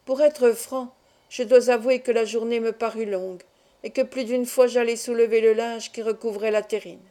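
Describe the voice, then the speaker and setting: A woman reading a classic novel aloud as an audiobook, in steady, measured storytelling. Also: fairly high pitch. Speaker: audiobook reader. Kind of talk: scripted narration of a novel.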